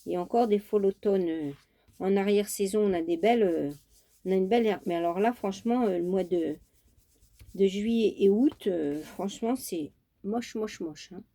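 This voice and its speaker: A woman's voice: mid-range voice, normal speed, mellow. A woman chatting casually through a crafting tutorial at her home craft table, homely and talkative, with many fillers. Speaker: craft vlogger.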